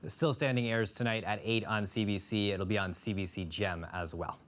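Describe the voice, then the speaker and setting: A man presenting the local evening news in a smooth, upbeat, scripted way. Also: lowish voice, steady tone, moderate pace, a bit bright. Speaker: news anchor.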